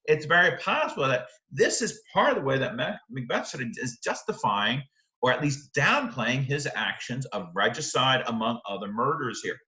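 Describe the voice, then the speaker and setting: A middle-aged literature teacher gives an explanatory lecture emphatically, sitting close to a webcam in an indoor room, often asking rhetorical questions and using check-in tags. His male voice is medium-pitched, bright and forceful, with big pitch swings at a normal pace. The room sound is roomy and echoing.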